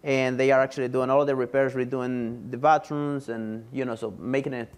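A man's voice: medium pitch, little pitch movement, normal speed, smooth. A man in his thirties from Honduras, giving a matter-of-fact presentation in a meeting room with a lapel mic. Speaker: student giving a testimonial. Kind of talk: presentation talk.

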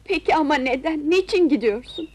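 An actress playing a devoted, anguished young maiden, speaking plaintively in a theatrical period film melodrama. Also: female voice, high-pitched, lively intonation, fairly quick. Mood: anguished, pleading. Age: young adult. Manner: plaintive, poetic declamation. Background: music.

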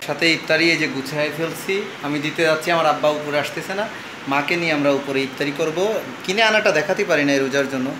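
A middle-aged man chats casually through a family vlog at home, tired from fasting and teasing his child playfully. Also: a little high, background noise. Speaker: family vlogger. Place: family home at the iftar table.

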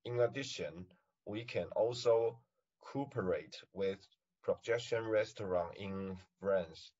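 A young man reads his part of a class presentation slowly and steadily. His voice sits a little low. The recording is dull and lo-fi. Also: darkish tone, slightly rough. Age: young adult. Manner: slow, measured reading. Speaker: student presenter. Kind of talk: class presentation, read from notes. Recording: dull lo-fi sound.

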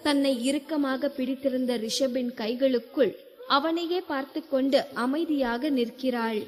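Woman audiobook narrator: high voice, steady storytelling, long hall reverb. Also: unhurried. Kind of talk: scripted narration.

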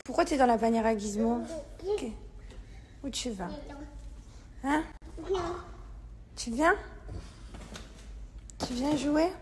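A woman filming a casual family vlog, cooing softly at her baby between chatty asides to her viewers. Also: sits high, animated, slow pace, pauses often, a crowd in the background. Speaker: family vlogger and mother.

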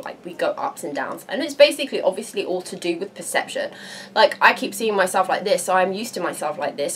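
A British woman in her thirties talks straight to camera about beauty, chatty and frank, with plenty of swearing. Her voice sits at a middling pitch, and a faint hum of the room lingers behind her. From England. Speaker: beauty vlogger. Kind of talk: casual chat to camera.

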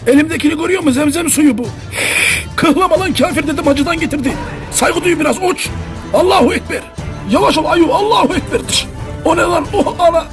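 A man voicing a crude, excitable defender in a comedy parody dub. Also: very high voice, fairly quick, over music. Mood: agitated. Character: crude excitable swordsman guarding a holy-water flask.

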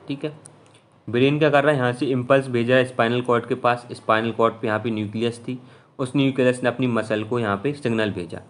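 A man giving a physiology lecture in a chatty teaching manner. He mixes English terms into his speech and keeps checking in with his students. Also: medium pitch. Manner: chatty teaching, constant "theek hai" check-ins. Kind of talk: explanatory lecture.

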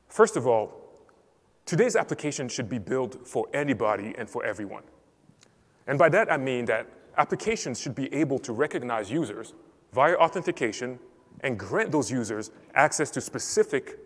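A man from Cameroon giving a structured technical talk on a conference stage. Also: medium pitch. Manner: clear, structured presenting. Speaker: conference speaker. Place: large conference hall stage. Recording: reverberant conference hall.

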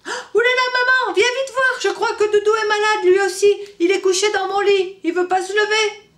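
A woman voicing a cheeky little boy penguin who is sick, in a high whiny child voice, recorded with roomy echo from a distant mic. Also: normal speed, fairly bright tone. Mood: whiny, childish.

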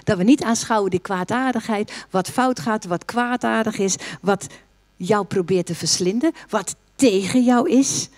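A woman pastor preaching a sermon, quoting scripture with lively, sudden high exclamations. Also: a little slow. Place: church hall.

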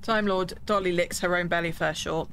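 A woman's voice: lowish voice, steady tone, normal speed, fairly bright tone. Woman streamer casually calling game moves. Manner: chatty, calls out readings and plans. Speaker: streamer playing a ghost-hunting game with friends. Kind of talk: casual gaming chat.

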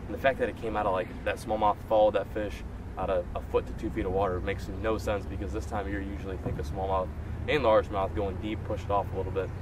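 A young man talks fishing in a loose, rambling vlog manner, often restarting his sentences. His voice sits somewhat low. He is picked up by a camera mic at arm's length, a little distant and buried in loud wind and engine noise. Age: young adult. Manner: rambling, self-correcting, chatty. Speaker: vlog host. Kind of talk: casual fishing vlog chat. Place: on a boat outdoors, then inside a car. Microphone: action camera at arm's length.

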